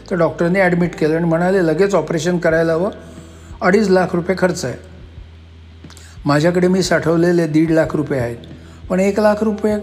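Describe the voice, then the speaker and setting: A man's voice: high-pitched, a little mellow, natural voice. A man voicing a desperate young woman. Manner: pleading, emotional. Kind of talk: storytelling voice acting.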